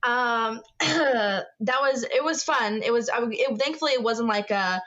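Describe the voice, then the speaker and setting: A woman's voice: a little high, measured pace, a bit bright, highs cut off. A young woman co-hosting a podcast, telling a story animatedly with lots of swearing. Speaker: podcast co-host. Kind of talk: casual chat.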